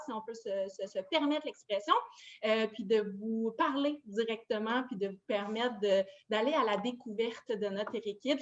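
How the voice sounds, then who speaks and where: A woman's voice: high voice, fairly bright tone. A woman giving an upbeat, reassuring announcement to residents as manager. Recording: dull lo-fi video sound.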